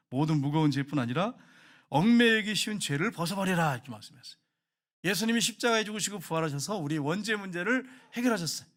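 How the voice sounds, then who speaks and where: A man's voice: high-pitched, a bit bright. Emphatic male pastor preaching. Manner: emphatic, exhorting, rising to stress points. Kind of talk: sermon.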